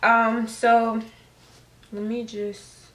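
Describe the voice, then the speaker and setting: A woman's voice: fairly high pitch, little pitch movement, extremely slow, fairly bright tone. Chatty woman filmed from across a room. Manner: chatty, loose, lots of fillers and slang. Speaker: hair tutorial vlogger. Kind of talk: casual how-to vlog. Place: room at home. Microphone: camera set up at a distance. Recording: roomy, camera mic from a distance.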